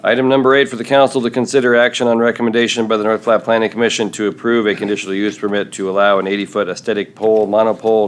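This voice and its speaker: A man serving as mayor, chairing a city council meeting in a brisk, procedural way with the odd dry joke. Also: on the low side, clear, resonant tone.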